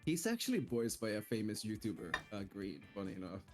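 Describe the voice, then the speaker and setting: A man's voice: on the low side, very animated, brisk, faint music behind. A man co-streaming a game who chats casually and shares trivia about the voice cast. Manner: casual, chatty, explains trivia. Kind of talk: casual gaming chat.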